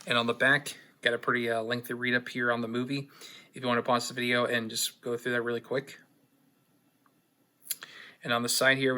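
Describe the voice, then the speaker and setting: A man's voice: medium pitch, pushed and bright. A man hosting his own unboxing video, chatting casually with lots of fillers and dry, sarcastic asides.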